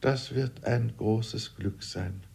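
A man voicing a calm, indifferent mother who agrees with everything. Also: on the low side, slow pace, gravelly, breathy edge, heavily acted. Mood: placid. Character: placid indifferent 18th-century mother.

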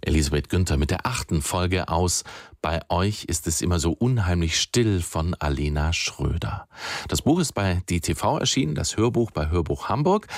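Tiefer Radiosprecher, trocken aufgenommen. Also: male voice, deep voice, no echo, clean studio sound. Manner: formal, even. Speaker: radio announcer. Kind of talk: scripted radio announcement. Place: radio studio.

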